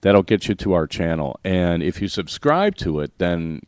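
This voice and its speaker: Deep-voiced guy hosting a podcast, chatty and rambling, dry close sound. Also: sing-song, darkish tone, no room sound. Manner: rambling, self-correcting, explains slowly. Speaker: podcast host. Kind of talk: casual chat.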